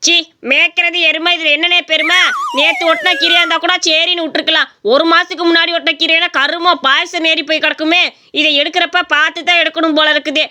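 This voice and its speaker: High quick woman, mocking cartoon voice. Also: level tone, bright, forceful tone. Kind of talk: cartoon voice acting, teasing sidekick.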